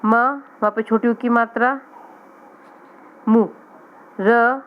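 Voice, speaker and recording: A woman teaching young children to read, slowly sounding out each letter and word. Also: on the high side, steady tone, phone-quality sound, a little hiss or hum. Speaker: primary school teacher. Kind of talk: children's reading lesson.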